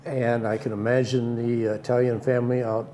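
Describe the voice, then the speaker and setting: An older man answering in a studio interview, unhurried and hesitant with dry humor. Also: mid-range voice, little pitch movement, warm tone, a little hiss or hum. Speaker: bocce club member. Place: TV studio set.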